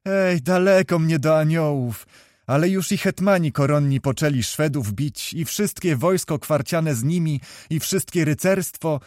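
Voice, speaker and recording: A man voicing a lively, chatty young noblewoman in a read storybook, talking quickly like a chirping bird. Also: fairly high pitch, no room sound, clean studio sound, natural voice. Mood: chirpy.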